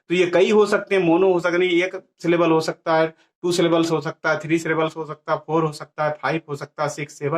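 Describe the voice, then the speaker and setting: A man teaching a grammar lesson. He asks his class questions, answers them himself and repeats the key words. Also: high voice.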